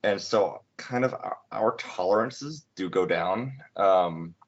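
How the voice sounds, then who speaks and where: A man in his twenties hosting a casual podcast chat, talking in halting bursts with many restarts. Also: low voice. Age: 20s. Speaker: podcast host. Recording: dull lo-fi recording.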